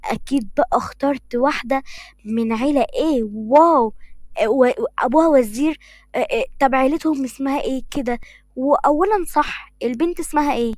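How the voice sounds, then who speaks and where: A woman's voice: sits high, fairly quick, darkish tone, dry recording, studio quality, natural voice. A woman voicing a rich, snobbish mother with an Egyptian accent, gushing and prying. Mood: fussy. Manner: gushing, then prying and haughty.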